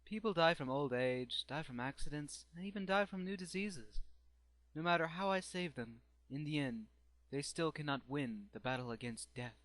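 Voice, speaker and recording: A man's voice: a little high, normal speed, a bit bright, dry recording, close to an everyday voice, poor audio. A man playing a grieving, obsessed doctor turned necromancer in a theatrical, brooding anime fandub monologue. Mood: solemn, intense.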